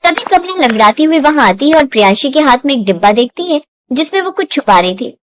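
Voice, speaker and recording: A woman's voice: sits high, very animated, quick pace, slight background noise. A woman narrating a moral story in a dramatic storytelling manner. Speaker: narrator and voice of characters. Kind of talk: storybook narration with character voices.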